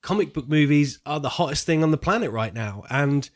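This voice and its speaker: His voice a little high, lively and brisk, this man co-hosts a film podcast. He chats about movies in a relaxed, slang-filled, conversational manner.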